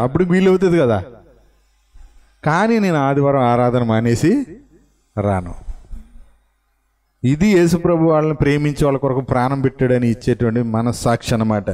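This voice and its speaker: A male pastor preaching a sermon, posing questions to the congregation and answering them himself, and reading scripture slowly. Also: on the high side, lively intonation, a little mellow. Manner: reads scripture slowly and solemnly.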